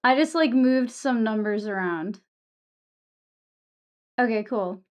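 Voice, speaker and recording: High-voiced woman streamer with harsh sibilant S's. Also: slow pace. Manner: sweary, self-deprecating. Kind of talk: casual livestream chat with viewers. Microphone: streaming microphone with EQ and compressor. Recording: muffled, dull microphone sound.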